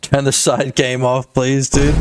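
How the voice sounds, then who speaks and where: Over a very noisy recording, a man with a slightly high voice livestreams his game development, keeping up chatty, joking commentary and talking to his viewers as he works.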